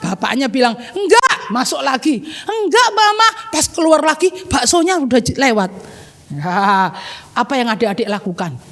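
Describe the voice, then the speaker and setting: A young woman teaching a children's Sunday school Bible lesson in a lively, storytelling way, acting out small scenes for the children. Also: on the high side, moderate pace. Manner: animated, acts out little scenes for children.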